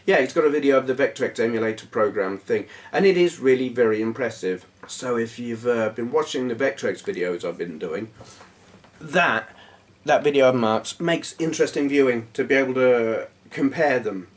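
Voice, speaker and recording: A man with a hoarse, worn-out voice talks casually to camera for his gaming channel. He rambles and hesitates, mocking himself between thoughts. His voice sits at an ordinary pitch and sounds slightly distant from the mic. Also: moderate pace. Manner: rambling, self-deprecating, hesitant with fillers. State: hoarse, voice going. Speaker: YouTube gaming channel host.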